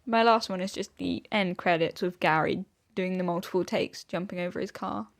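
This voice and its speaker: A woman co-hosting a casual film podcast, chatty and quick to laugh. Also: fairly low pitch. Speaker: podcast co-host.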